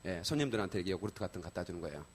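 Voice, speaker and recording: A middle-aged male pastor preaching a sermon in a church, telling personal stories in a lively colloquial way, swinging from loud exclamations to soft asides and often checking in with the congregation. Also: low-pitched, racing, slight background noise. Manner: colloquial, addresses congregation with repeated "예?". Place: church sanctuary.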